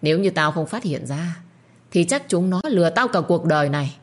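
A woman voicing a violent older lord in an audio story, hissing and ranting loud threats. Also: fairly low pitch, sing-song, brisk, breathy edge, exaggerated voice. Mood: enraged. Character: older male lord, violent, enraged, ruthless.

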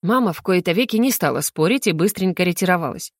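Expressive woman reading a story aloud. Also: on the low side, fast, no echo, studio quality. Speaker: audiobook narrator. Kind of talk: first-person audiobook reading.

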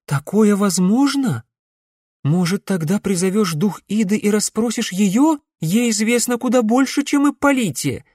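A man putting on a high, alarmed young woman. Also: expressive, measured pace, darkish tone, no echo, clean studio sound. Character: frightened young woman, startled and eager. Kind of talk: audiobook character reading.

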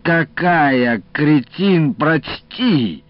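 A man voicing a gruff, mocking, warm-hearted old uncle in an audiobook, talking in slow sardonic banter. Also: fairly high pitch, animated, no echo, pitched above the performer's own voice. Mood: gruff teasing. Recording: dull dry studio audio, faint music.

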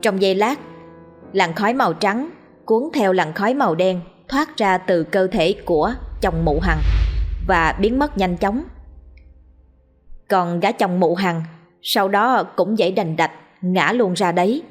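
Breathy woman reading a ghost story, soft music behind. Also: medium pitch, unhurried. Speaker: narrator. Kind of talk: scripted ghost story narration.

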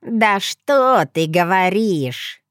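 Woman putting on a creaky mocking old witch. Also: mid-range voice, animated, very slow, dry recording, studio quality. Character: sly hunched ancient village witch woman.

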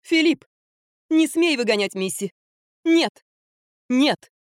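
A woman's voice: high voice, animated, takes it slowly, dry recording, studio quality, voice pushed up. Woman playing a shrieking hysterical mother. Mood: indignant. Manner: screeching, accusing. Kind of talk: audiobook character voice.

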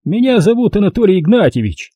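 A fat, greedy, pompous middle-aged notary from an audiobook, as a male reader puts him on, talking down to people in a shrill, squealing voice. The tone is husky and dark under the raised pitch, and the lines leap up and down. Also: sing-song, fast talker, no room sound, heavily acted. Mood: condescending, greedy. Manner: condescending and grasping.

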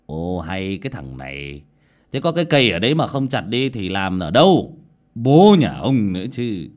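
Man doing a mean foul-mouthed boss guy, middle-aged, bossy, low voice that swoops up and down. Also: animated, moderate pace, warm tone, breathy edge, exaggerated voice. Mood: furious. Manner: bullying, cursing, barking orders. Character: coarse bad-tempered male contractor boss, middle-aged.

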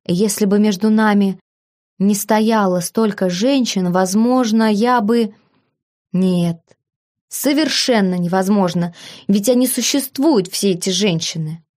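A woman narrating a first-person novel as an audiobook reader, with even, expressive reading. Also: mid-range voice, unhurried.

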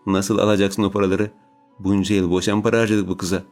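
A man voicing a greedy, gruff middle-aged husband with a hushed, husky voice in an audiobook. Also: low-pitched, level tone, quick pace, faint music behind. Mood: harsh.

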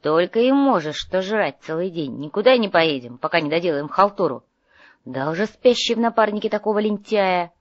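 A woman's voice: lowish voice, expressive, brisk, muffled recording, close to an everyday voice. A woman voicing a grumpy, thrifty male mage analyst who grumbles and nags his partner. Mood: grumbling. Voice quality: grumbling, sarcastic.

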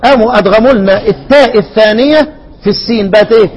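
A man's voice: high voice, rapid-fire, lo-fi sound. A man with an Egyptian accent teaching Quran recitation in a classroom lecture, quizzing students with rhetorical questions and drilling word forms again and again. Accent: Egyptian Arabic.

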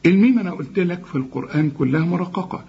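A man with an Egyptian accent teaching Quran recitation rules, drawing out example words slowly, correcting and repeating them. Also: sits high, expressive, vocal fry, a little hiss or hum. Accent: Egyptian Arabic. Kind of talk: tajweed lesson with recited examples. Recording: muffled lo-fi recording.

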